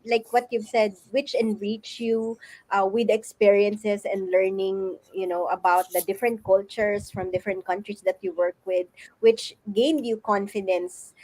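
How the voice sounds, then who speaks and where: A woman's voice: mid-range voice, a little mellow, rough recording. A woman interviewer speaking politely, framing a long question in loose run-on phrasing.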